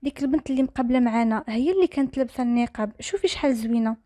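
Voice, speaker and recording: A woman's voice: a little high, rapid-fire, mellow, no echo, studio quality, close to an everyday voice. A woman voicing a teasing, lovestruck young woman. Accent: Moroccan. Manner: teasing, whispery asides.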